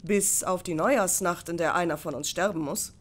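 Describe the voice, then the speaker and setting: A woman voicing a grave, sober male journeyman in an audiobook, speaking in a measured way. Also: on the low side, lightly acted.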